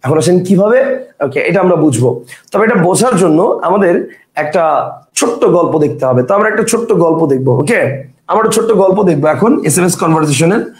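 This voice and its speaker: Male teacher, bright high voice, lively quizzing classroom delivery, echoey room. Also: a little fast. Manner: lively, repeats points, asks the class questions. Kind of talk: classroom grammar lecture.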